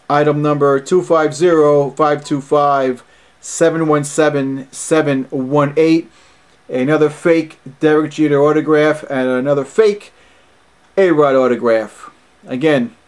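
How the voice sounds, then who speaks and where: Indignant middle-aged collector, higher-pitched male voice, casual and blunt. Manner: blunt, indignant, reads out item numbers slowly. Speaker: autograph collector vlogger. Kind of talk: casual video commentary.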